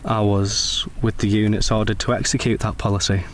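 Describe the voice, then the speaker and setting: In a radio drama, a man portrays a brooding, principled young Edwardian gentleman soldier, speaking and narrating in a formal, intense, literary style with a regretful mood. His natural voice is on the low side with little pitch movement and a slightly fast pace. There's a faint hiss or hum.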